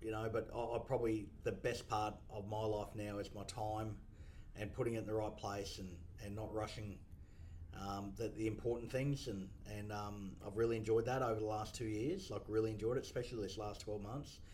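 A man's voice: on the low side, fairly even intonation, brisk, darkish tone, slight background noise. A man, a dealership boss, chatting reflectively on a podcast with lots of ums and restarts. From Australia. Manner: reflective, many fillers and restarts. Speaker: podcast guest, car dealership principal. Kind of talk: casual podcast chat.

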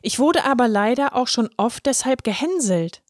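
A woman's voice: fairly high pitch, animated, moderate pace, dry recording, clean studio sound, close to an everyday voice. A woman voicing a shy, earnest young boy who is a drinking straw, in a raised storybook voice. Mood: timid. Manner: timid, earnest. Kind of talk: storybook reading.

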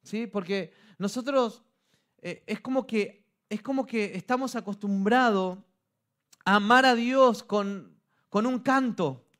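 High-voiced Argentine pastor preaching slowly. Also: male voice, a bit bright. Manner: repeats "¿sí?" to the congregation, restarts phrases. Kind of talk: sermon.

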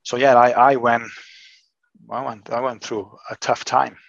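A podcast host with a mid-pitched male voice talks slowly through a long recovery story in a casual chat, his flat, fry-tinged delivery halting and hesitant with frequent false starts and restarts. The illness seems to have changed his voice slightly. The recording is dry and a bit dull.

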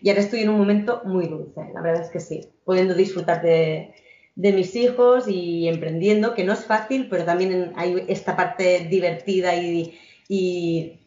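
A woman in her thirties from Catalonia, a guest telling her story in a relaxed interview, reflective and full of small restarts. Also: lowish voice, normal speed. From Catalonia, Spain. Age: 30s. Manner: warm, reflective, many fillers and restarts. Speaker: guest, entrepreneur. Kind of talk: conversational interview. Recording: roomy, dull lo-fi sound.

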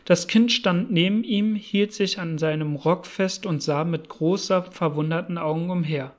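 A man reading a novel aloud as narrator in steady, measured storytelling. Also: high-pitched. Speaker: audiobook reader. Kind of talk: scripted narration.

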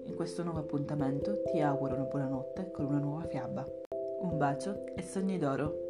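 Soft-voiced woman telling bedtime stories. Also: low voice, brisk, loud music behind the voice. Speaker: storyteller. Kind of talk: bedtime story narration.

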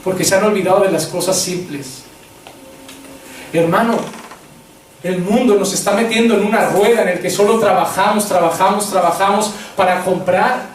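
A man's voice: high voice, steady tone, moderate pace, slight background noise. A man with a Spanish accent preaching a sermon as a pastor, speaking directly to the congregation and retelling vivid scenes. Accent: Spain. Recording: echoey hall from far off.

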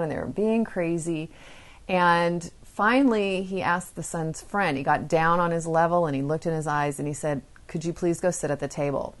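Low-voiced woman hosting a parenting podcast. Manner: calm, earnest storytelling with acted quotes. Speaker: podcast host. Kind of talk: podcast monologue telling parenting stories.

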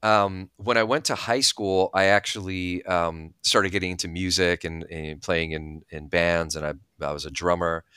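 A man's voice: low-pitched, steady tone, moderate pace, hardly any pauses, bright, forceful tone, clean tone, dry recording. A man in his thirties, originally from Bulgaria, talking candidly as an interview guest. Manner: thoughtful, candid, many fillers. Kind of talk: casual interview talk.

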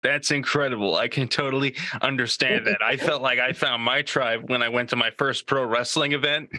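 A man's voice: medium pitch, fairly even intonation, normal speed, bright, forceful tone, dry recording. A man hosting a podcast interview, enthusiastic and friendly as he responds to his guest. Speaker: podcast host. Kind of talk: casual interview chat.

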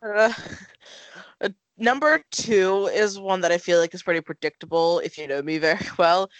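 A woman's voice: fairly low pitch, moderate pace, dry recording, poor audio. A woman hosting a casual podcast chat, gushing with enthusiasm and laughing often. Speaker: podcast host.

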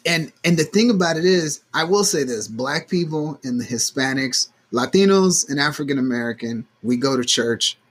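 Guy with a husky voice, kinda high, lots of swing when he talks, cussing and doing voices. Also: normal speed. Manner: animated storyteller, swears freely, acts out quotes. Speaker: podcast co-host. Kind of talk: casual chat.

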